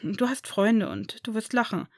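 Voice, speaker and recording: A woman's voice: mid-range voice, very animated, normal speed, dry recording, clean studio sound. A woman voicing a scolding young male healer.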